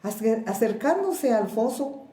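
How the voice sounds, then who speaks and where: A woman pastor with a Guatemalan Spanish accent, preaching a sermon in a slow, measured way with pauses and repeated words. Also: on the high side, very animated, dark tone, roomy sound. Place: church.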